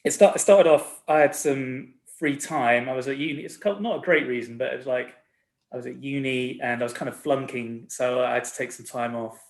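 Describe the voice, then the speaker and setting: A record label owner in his forties chats casually as a guest, laid-back, rambling and self-deprecating. His voice is medium-pitched and brisk, with a roomy echo in the recording.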